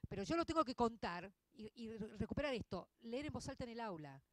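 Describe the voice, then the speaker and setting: Woman, Argentine accent, 50s, public lecture, expressive, tag questions, dry recording. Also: fairly high pitch, brisk, dry recording. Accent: Argentine Spanish. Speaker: literature teacher giving a public talk. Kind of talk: conversational lecture to an audience.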